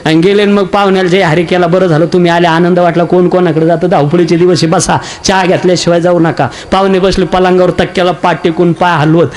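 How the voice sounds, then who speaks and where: High-voiced man preaching a comic kirtan. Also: little pitch movement, fast, hardly any pauses, darkish tone. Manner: jokey, addresses elderly women in the audience, acts out dialogue. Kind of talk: humorous kirtan sermon.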